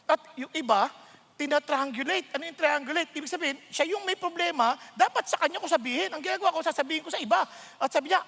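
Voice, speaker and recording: A man with a Filipino accent preaching a sermon, animated and full of rhetorical questions, switching between Tagalog and English. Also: very high-pitched, fast, vocal fry. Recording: long reverb of a large hall.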